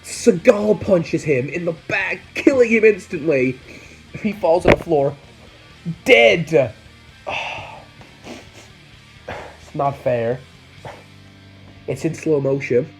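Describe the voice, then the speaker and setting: A man's voice: on the high side, slow, pauses often, faint music behind, rough recording. Man telling a mock-epic online saga. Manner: swings between excited yelps and mock-solemn mutters. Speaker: YouTuber. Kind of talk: comedic storytelling vlog.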